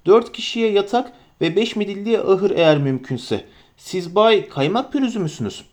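A man's voice: high voice, expressive, normal speed, a little mellow, pitched above the performer's own voice. Frodo, a man voicing a polite young hobbit. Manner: polite, tentative questions.

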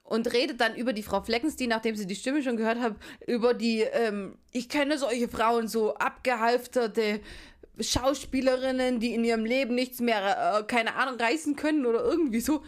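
A woman in a relaxed podcast conversation, her voice sitting a little above the usual range. She retells scenes with lively energy, briefly taking on the characters' voices as she goes. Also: fairly high pitch, normal speed. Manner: animated, mimics characters while retelling. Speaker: podcast co-host. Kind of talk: casual chat reviewing a radio play.

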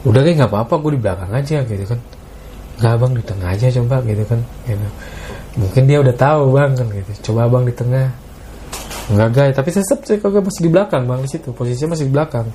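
A man tells a story in casual slang, acting out what each person said. His voice is mellow and dark, with faint noise behind it. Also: medium pitch. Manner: retells dialogue, often adds "Bang" and "gitu"; Jakarta slang. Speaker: guest telling a story.

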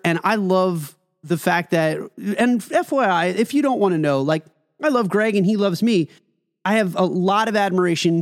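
A man hosting a podcast, moving between upbeat announcing and casual chat. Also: sits high. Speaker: podcast host.

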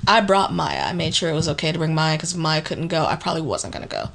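A woman's voice: low-pitched, fast, vocal fry. A woman co-hosting a podcast, chatting casually and telling rambling stories with frequent laughter. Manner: laughing, rambling, animated storyteller. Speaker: podcast co-host. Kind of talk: casual chat.

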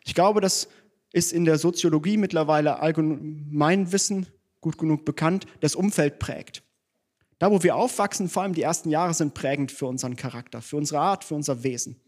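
A man's voice: fairly high pitch, a little fast, darkish tone. A man preaching a sermon in church, conversational and self-deprecating, mixing teaching with personal stories.

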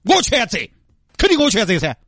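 A man's voice: very high-pitched, very animated, a little fast, fairly bright tone, slightly rough, dry recording, heavily acted. A man playing a pushy, chummy wealthy driver who insists on taking the blame and keeps calling the other man brother. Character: brash wealthy male Audi driver, pushy and generous. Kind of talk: comedy skit.

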